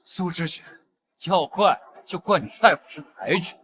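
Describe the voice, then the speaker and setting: A sneering, fawning schemer. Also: male voice, a little high, expressive, normal speed, fairly bright tone, husky, full character voice. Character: scheming, fawning young man who sneers at the hero.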